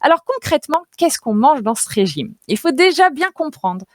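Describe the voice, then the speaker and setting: Bright-voiced French woman dietitian on radio. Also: high voice, sing-song, moderate pace, no echo, studio quality. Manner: chatty, playful, laughs easily, many fillers. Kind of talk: radio nutrition segment, lively explaining. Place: radio studio. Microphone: studio radio mic.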